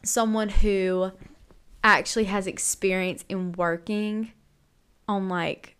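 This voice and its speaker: A woman's voice: medium pitch, steady tone, slow, fairly bright tone, clear, resonant tone. A young adult woman co-hosting a casual podcast chat, laughing often and filling her talk with "like". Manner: giggly, filler-heavy, lots of "like". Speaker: podcast co-host.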